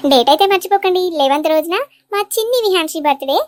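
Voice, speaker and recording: High-voiced woman talking to her viewers. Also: fast talker, dry recording. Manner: earnest, pleading, talks straight to viewers. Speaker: channel creator and mother. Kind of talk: casual address to viewers.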